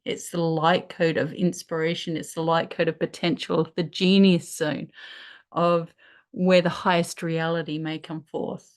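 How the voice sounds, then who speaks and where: A woman with a voice on the low side leads a guided meditation, speaking soothingly and without hurry, pausing between phrases.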